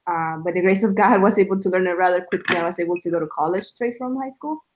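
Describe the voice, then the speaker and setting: Over a noisy background, a woman from El Salvador whose first language is Spanish talks quickly in a fairly low voice. She's a guest telling her faith story in a casual testimony chat, earnest and reflective, with lots of fillers.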